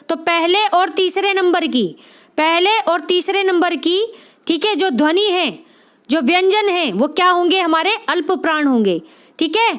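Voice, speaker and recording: A woman with a strikingly high voice delivers an exam-prep lecture. She goes step by step, repeats key points and keeps checking that listeners follow. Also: a bit bright. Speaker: teacher.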